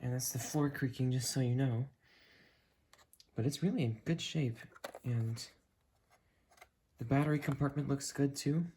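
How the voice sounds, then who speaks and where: This gadget review host has a warm, mid-range voice and speaks unhurriedly, leaving long pauses while casually chatting and handling the product. The review was recorded indoors at home, and the noisy audio includes clicks and handling.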